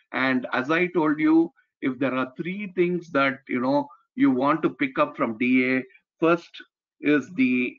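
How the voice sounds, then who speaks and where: Slow-paced man, dull lo-fi audio. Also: mid-range voice. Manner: halting, frequent "you know" and "right?" tags. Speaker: presenter, trainer. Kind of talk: explanatory slide presentation.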